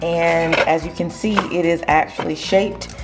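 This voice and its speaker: A woman's voice: lowish voice, steady tone, a little slow, music in the background. A woman vlogging casually from her home kitchen in a groggy early-morning voice, chatting and rambling with fillers. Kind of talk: casual chat to camera.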